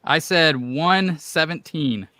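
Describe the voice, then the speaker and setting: A man's voice: a little high, slow, sharp tone, slight background noise. A man giving blunt, plainspoken opinions in a casual livestream chat. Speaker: livestream panelist tasting bourbon.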